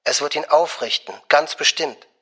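A man voicing a gushing young female bank secretary, soft and honeyed, sometimes dropping to a whisper. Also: mid-range voice, normal speed.

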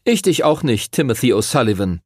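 A man's voice: fairly high pitch, animated, slow pace, a little mellow, slightly rough, no room sound, studio quality, pitched above the performer's own voice, full character voice. A man doing a hesitant teen hero. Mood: teasing. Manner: hesitant, earnest. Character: teenage boy hero, hesitant and earnest.

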